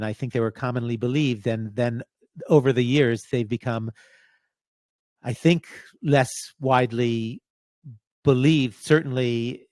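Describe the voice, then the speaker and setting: A middle-aged man being interviewed as a professor, speaking gravely in halting bursts, restarting phrases as he searches for words. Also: mid-range voice, dry recording. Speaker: guest, professor. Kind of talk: remote interview conversation.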